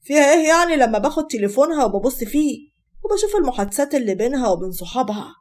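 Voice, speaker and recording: A woman with an Egyptian accent voicing a young husband, speaking lower and apologetic. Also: sing-song, very fast, a little mellow. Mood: defensive. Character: jealous then remorseful young husband.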